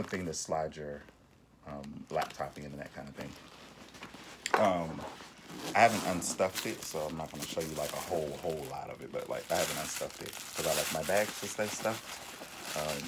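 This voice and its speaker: A man's voice: a bass voice, moderate pace, very noisy. A man chatting casually through a haul video at home, rambling with many ums and restarts. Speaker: vlogger. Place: home bedroom.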